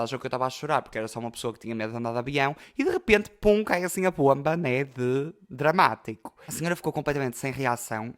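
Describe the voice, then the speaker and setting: Young guy, portuguese accent, chatty podcast storytelling, emotional, says tipo a lot. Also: mid-range voice. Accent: European Portuguese. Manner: chatty, emotional, many fillers. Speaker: podcast host. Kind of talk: casual storytelling.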